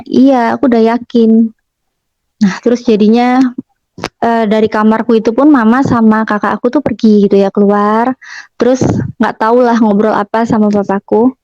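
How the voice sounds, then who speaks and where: A woman's voice: on the high side, warm tone, dry recording. A young adult woman telling a personal story in a chatty way, retelling family conversations with lots of fillers. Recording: muffled dry recording.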